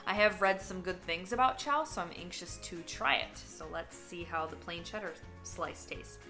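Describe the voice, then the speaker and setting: A woman's voice: lowish voice, normal speed, music in the background. A woman chatting casually while tasting food for a vlog, candid and talkative, sometimes talking with her mouth full. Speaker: vlogger. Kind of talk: casual taste-test vlog.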